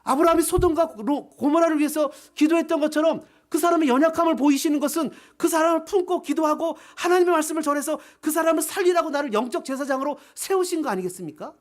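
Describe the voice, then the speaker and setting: A male pastor preaching a sermon, animated and quick to act out voices. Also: extremely high pitch. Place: church.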